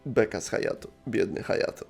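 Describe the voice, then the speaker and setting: A man's voice: on the low side, normal speed, creaky, a little mellow, faint music behind. A man giving joking gameplay commentary and making playful asides as he dubs game characters. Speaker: gaming YouTuber.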